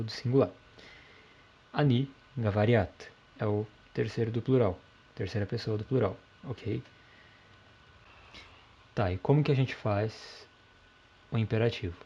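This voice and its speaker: A man teaching a language lesson, calmly explaining grammar step by step and checking in with the listener often. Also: medium pitch, dull audio.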